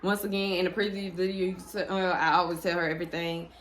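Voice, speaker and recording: A woman's voice: on the low side, fast talker, slight background noise. A young woman, casually telling a personal story to her viewers, chatty and full of fillers. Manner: chatty, animated, lots of fillers and restarts.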